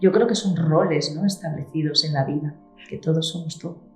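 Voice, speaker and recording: A woman, a psychologist and children's author, chatting casually and retelling a story in an animated way. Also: low voice, a little fast, soft background music. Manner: animated storyteller, lively quoted voices. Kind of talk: casual conversation. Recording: roomy echoing room.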